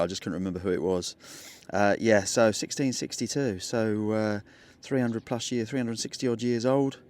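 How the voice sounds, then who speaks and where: Excitable male metal-detecting vlogger outdoors. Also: lowish voice. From England. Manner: chatty, excitable, talks to viewers. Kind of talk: casual outdoor vlog narration. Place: muddy field outdoors.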